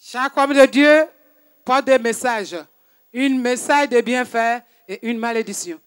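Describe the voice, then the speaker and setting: A man with a very high, smooth voice interprets a sermon into French. He renders each phrase in a steady, earnest way. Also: unhurried. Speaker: interpreter for the preacher.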